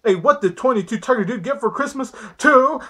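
A man's voice: very high-pitched, lively intonation, a little fast, sharp tone, full character voice. A young man voicing a foul-mouthed, cheerful little toy Santa in an amateur comedy skit. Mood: boisterous. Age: young adult. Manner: crude, swearing. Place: small bedroom indoors.

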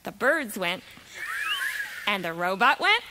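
A woman narrating a rhyming children's story in a lively, expressive, sing-song way. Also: mid-range voice, takes it slowly, noisy background. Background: music.

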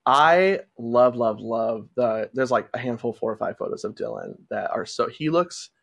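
A man's voice: medium pitch, lively intonation, normal speed, gravelly, fairly bright tone. A man who works as a wedding photographer, chatting casually and rambling with lots of fillers as he hosts a conversation.

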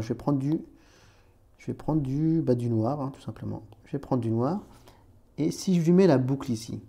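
A man with a medium-pitched, warm voice teaches Arabic letters in a chatty, informal screen-recorded lesson. He talks directly to the learner and restarts his sentences often.

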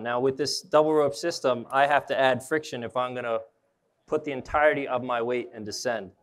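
A young man, an arborist trainer, giving a casual live demonstration at an indoor trade show booth and thinking aloud as he handles his gear. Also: mid-range voice.

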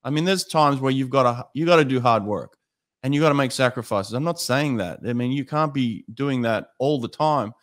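A man's voice: mid-range voice, normal speed, dry recording, studio quality. A man in his fifties hosting a podcast in a casual, reflective conversational style. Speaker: podcast host. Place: small home studio indoors. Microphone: close boom-arm podcast microphone, headphones.

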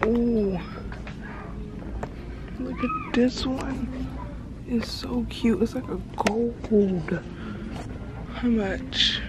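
A young woman vlogs from inside a big store with the camera held at arm's length. She takes her time, speaking in an unhurried, chatty way as she muses to herself over the shelves. Music plays clearly in the background. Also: on the high side, huge pitch swings. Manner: chatty, talks to herself while shopping. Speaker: vlogger. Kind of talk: casual vlog narration. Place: indoors in a large store. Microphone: handheld camera at arm's length.

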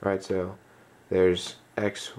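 A man giving a step-by-step tutorial, dictating instructions in short, clipped fragments with pauses between them. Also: sits low, completely flat delivery, a little mellow, slight background noise. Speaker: tutorial presenter.

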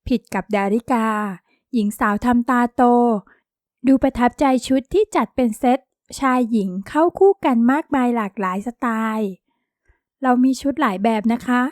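A woman narrates an audio novel in a steady, even storytelling read. Her voice sits high. The recording is close and dry, with no room around it. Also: normal speed, dry recording. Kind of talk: scripted narration.

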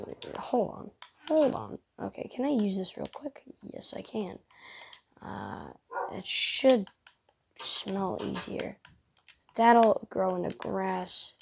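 Slow, gravelly-voiced tired woman gamer. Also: mid-range voice, a little mellow. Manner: rambling, thinking aloud, self-mocking. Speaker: gaming channel host. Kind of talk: casual let's-play commentary.

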